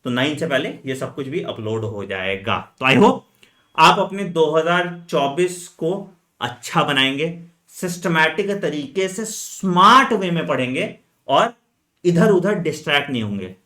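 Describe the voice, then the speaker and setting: A man coaching medical entrance students in an energetic, chatty lesson, talking straight to them and dropping frequent fillers. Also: on the high side, unhurried. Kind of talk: energetic exam-strategy lesson, chatty Hinglish.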